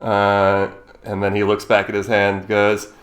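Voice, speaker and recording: A man running a tabletop game as game master, narrating and voicing characters with animated shouts. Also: lowish voice, a little slow.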